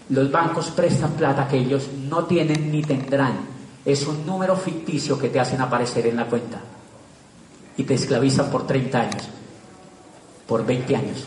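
A man's voice: medium pitch, a little hiss or hum. Emphatic man, distant and echoey. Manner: emphatic, rhetorical questions, repeats words for stress. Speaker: public speaker. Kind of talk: lively talk to a live audience. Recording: echoey room, from far off.

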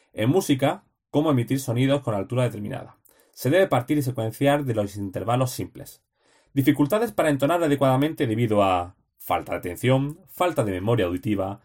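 A man's voice: medium pitch, a little mellow. A man reading study notes aloud for a teaching exam, in terse, list-like phrases with short headings.

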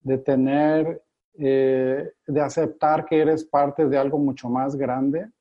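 A podcast host with a medium-pitched, slow voice and little pitch movement interviews a guest, encouraging them with long, talkative questions. The audio is dull and lo-fi.

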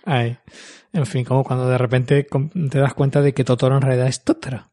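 A man's voice: medium pitch, level tone, fairly quick, dark tone. Chatty male podcast host. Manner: chatty, self-mocking, with restarts. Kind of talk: casual chat.

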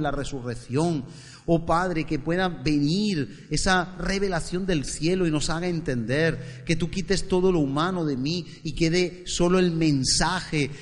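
A male pastor, preaching in a fairly high voice. He trips over repeated words, then drives his points home with rising emphasis. His voice rings out with the long reverb of a church hall. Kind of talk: sermon with opening prayer.

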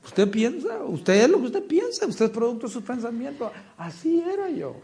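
Brief: middle-aged man, high and very lively voice, testimony talk, quick interjections. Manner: chimes in with comments and prompts. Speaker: speaker giving a testimony with his wife.

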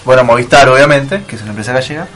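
A young Argentine man telling stories on a radio show, animated and quick to mimic the people in them. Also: medium pitch. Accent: Argentine Spanish. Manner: animated storyteller, mimics callers. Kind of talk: casual banter, storytelling.

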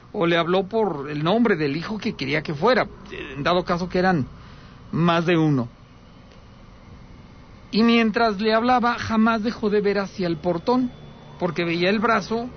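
A high-voiced man from Aguascalientes, Mexico runs a call-in radio program, where he spins a spooky paranormal story as drama, restating key points and talking directly to listeners. Faint hiss sits under the dull, lo-fi sound.

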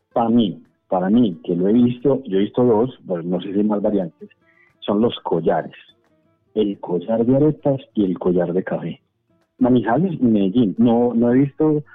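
A man's voice: mid-range voice, creaky. A Colombian man with a Colombian Spanish accent, chatting and joking as a panelist on a radio discussion. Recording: dry phone-like radio line.

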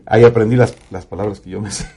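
A man with a Mexican accent, a radio announcer telling personal stories in a casual, animated way, swearing freely. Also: lowish voice, quick pace, slightly rough. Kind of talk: casual storytelling in an interview.

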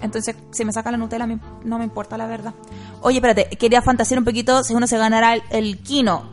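A Chilean woman hosting a casual radio chat, reading listener messages in a lively way. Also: a little high, fast, faint music behind. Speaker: radio host.

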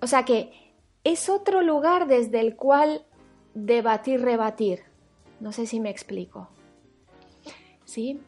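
Give me a woman from France as a spiritual teacher, talking in a lively reflective way and asking the listener if they follow. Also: on the high side, takes it slowly, long pauses, soft background music. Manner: animated, acts out inner voices, checks in with the listener. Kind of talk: reflective recorded talk.

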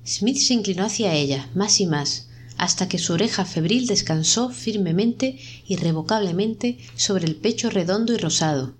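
A woman reading a short story aloud in a measured, dramatic narration. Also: medium pitch, animated, a little hiss or hum. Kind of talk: scripted audiobook narration.

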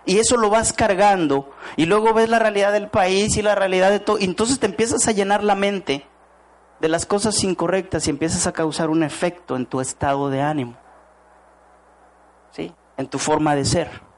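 A man's voice: high-pitched, steady tone, moderate pace. A man giving a motivational talk to an audience, asking rhetorical questions and acting out quoted voices. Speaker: network marketing speaker.

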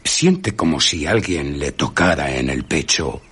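An actor playing an invisible man who talks calmly and curtly, with a menacing edge, in a radio drama. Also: a bass voice, a little slow, breathy edge, heavily acted. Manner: calm, curt, menacing. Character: invisible man, impatient and commanding.

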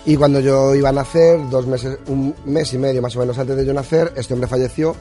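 A man's voice: medium pitch, steady tone, brisk, warm tone, faint music behind. A man from Madrid, a mentalist guest on a radio show, telling stories earnestly with small hesitations. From Madrid, Spain. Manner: earnest, storytelling, a little hesitant. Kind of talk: radio interview. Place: radio studio.

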